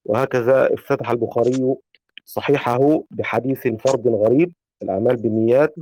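A man, reciting a classical text in a lesson in a measured way and asking polite questions. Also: mid-range voice, mellow, poor audio. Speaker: student reading the text aloud.

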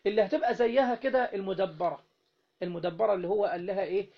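In a dull lo-fi recording, a man with an Egyptian Arabic accent teaches a classroom lesson on Islamic jurisprudence, reading a text aloud and explaining it. His voice sits high, very fast and creaky. He keeps prompting his students with questions and has them fill in words.

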